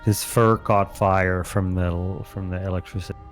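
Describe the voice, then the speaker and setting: A man running a tabletop game as game master, relaxed and often laughing. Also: deep voice, normal speed, faint music behind. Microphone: online voice chat.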